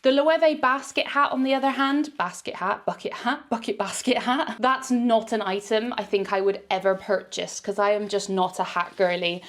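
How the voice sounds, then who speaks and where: A young British woman from the UK, a fashion vlogger chatting candidly through a try-on haul review with quick asides. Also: medium pitch.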